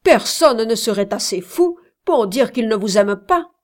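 A woman voicing an excitable young male errand boy who shouts his eager protests in a storybook reading. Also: fairly high pitch, measured pace. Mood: bellowing.

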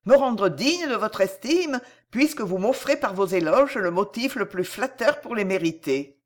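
A woman's voice: mid-range voice, lively intonation, a little slow, close to an everyday voice. An earnest, virtuous young woman, voiced by a woman reading aloud, holding back strong feeling behind polite, restrained words. She turns inward and brooding, as in an audiobook reading.

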